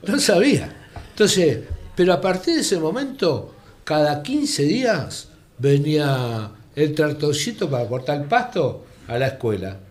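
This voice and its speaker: An older man with a Rioplatense Argentine accent, a former teacher and journalist, telling anecdotes as an interview guest and acting out the voices in them. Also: medium pitch. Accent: Argentine Rioplatense Spanish. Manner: animated, acts out the voices in his stories. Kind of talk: anecdotal storytelling.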